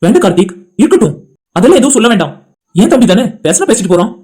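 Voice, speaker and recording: A forgiving elder brother in a cartoon drama , played by a woman, soothing his younger brother in a rapid, lilting voice. The tone is mellow and slightly husky, and its pitch rises and falls freely. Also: big pitch swings. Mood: gentle. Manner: soothing, reassuring. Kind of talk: animated cartoon drama voice acting.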